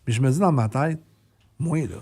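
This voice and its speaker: A man's voice: mid-range voice, normal speed, darkish tone, husky. A man with a Québécois accent, a trucker co-hosting a podcast, talking emphatically and addressing his listener directly. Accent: Québécois French. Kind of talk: casual podcast discussion.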